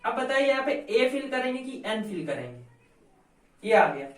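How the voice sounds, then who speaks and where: A woman's voice: fairly high pitch, sing-song, moderate pace. A woman teaching a grammar lesson, asking questions and answering them herself and repeating the key points. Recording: echoey room, voice from far off.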